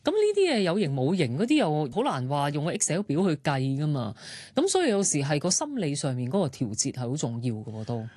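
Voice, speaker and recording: Female panellist, very low pitch with lively swings, Hong Kong Cantonese accent, casual discussion. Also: fast, slightly rough, no echo. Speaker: talk show panellist.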